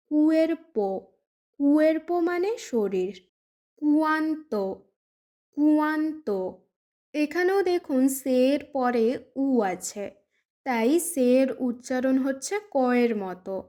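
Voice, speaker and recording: Slow, patient woman teaching pronunciation. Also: high-pitched, dark tone. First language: Bengali. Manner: patient, repeats each example word twice. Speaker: language teacher. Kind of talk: slow scripted pronunciation lesson.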